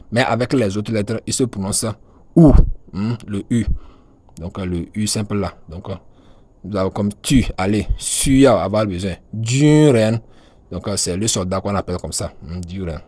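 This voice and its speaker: A man giving a calm, hesitant pronunciation lesson, with many fillers and hums between words. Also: fairly low pitch, dry recording. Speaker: language teacher.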